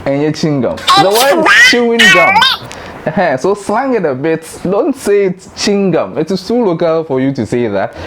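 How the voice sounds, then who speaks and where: A man with a Ghanaian accent hosting a light educational talk, playful and laughing, jumping into high mock voices. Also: a little hiss or hum. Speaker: host.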